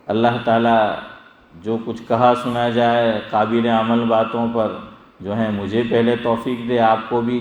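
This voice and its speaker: A middle-aged religious scholar giving a sermon-style lesson, quizzing his listeners and calling on them by name as he slowly drills pronunciation. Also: medium pitch. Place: gathering hall, evening assembly. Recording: echoey hall with long reverb.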